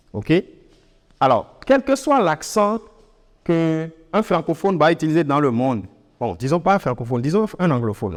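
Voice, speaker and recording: A man with an African French accent teaches in a loose, spoken style, often repeating words for emphasis. His voice sits a little high for a man. A long reverb trails after his words. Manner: animated, repeats words for emphasis, many fillers. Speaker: English teacher. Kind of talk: informal spoken lesson.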